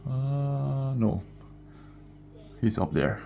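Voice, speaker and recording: In this laid-back home tour vlog, an aquarium enthusiast from Norway rambles through his apartment in non-native English, fumbling words and chuckling along the way. He talks extremely slowly at a medium pitch, with lively intonation and noticeable vocal fry. Faint noise sits under a somewhat dull indoor recording.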